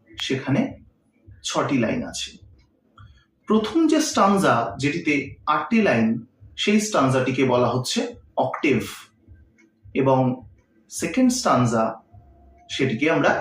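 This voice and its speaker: A man teaching a literature lesson, explaining in short, measured phrases and mixing in English terms. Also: on the high side. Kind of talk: literature lecture. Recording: roomy echo, mic set far off.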